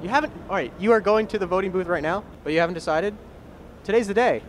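A man's voice: high-pitched, fast talker, a little hiss or hum. Cheeky young man with a street mic. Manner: cheeky, teasing, deadpan jokes. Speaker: comedy show host and street interviewer. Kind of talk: mock news comedy, man-on-the-street interviews. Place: outdoors on a city plaza. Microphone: handheld mic.

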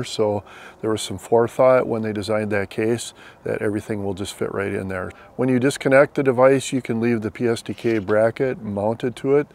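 With a slightly mellow, medium-pitched voice, an American drone pilot in his fifties explains and demonstrates a product he's reviewing. He speaks plainly and conversationally from an open lawn, where background noise comes through in the outdoor recording.

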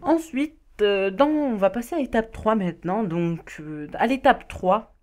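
A woman talks over her own gameplay footage, reading tips from a notepad at an even, middling pitch. She trips over words, repeats herself and laughs at her slips. It sounds like a home mic recording. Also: a little slow. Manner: hesitant, stumbling, restarts and laughs at own slips. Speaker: YouTuber giving beginner tips. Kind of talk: casual tutorial voice-over read from notes.

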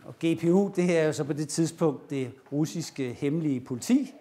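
A man with a fairly high voice gives a lecture, telling a story in lively fashion. He acts out the lines he quotes. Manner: animated retelling, acting out quoted lines. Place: lecture room.

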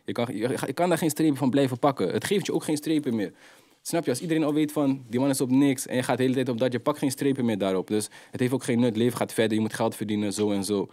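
A young adult man, a rapper guest telling street stories in animated, slang-heavy casual talk. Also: medium pitch, quick pace, no room sound. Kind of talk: casual interview storytelling.

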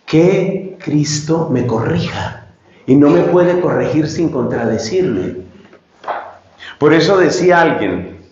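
A man giving a retreat teaching talk, speaking slowly and deliberately, repeating phrases and acting out pronunciations as he teaches. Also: a little high. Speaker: preacher at a lay retreat. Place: retreat meeting room. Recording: echoey room, dull lo-fi sound.

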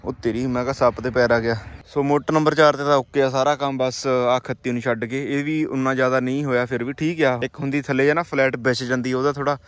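Man, Punjabi accent, farmer vlogger, outdoors in fields, matter-of-fact, fast, flat tone. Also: mid-range voice, no room sound. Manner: matter-of-fact, explains crop damage to viewers. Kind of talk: casual vlog walking through fields.

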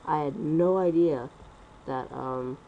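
A young man rambling through casual gameplay commentary at home on a computer mic, talking fast and correcting himself. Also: a little high, phone-quality sound, slight background noise. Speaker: gaming commentator.

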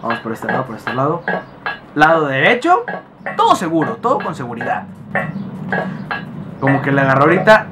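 A man playing a horror game and talking to himself, panicking often and repeating words fast. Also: a little high, very noisy. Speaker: gaming youtuber. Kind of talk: horror game let's play. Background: loud game music.

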